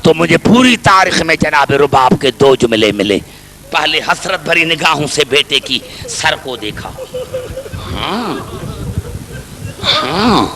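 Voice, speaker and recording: Impassioned high-pitched man preaching a lament. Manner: impassioned wailing lament, repeated cries. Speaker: Muharram orator. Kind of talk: Shia majlis sermon.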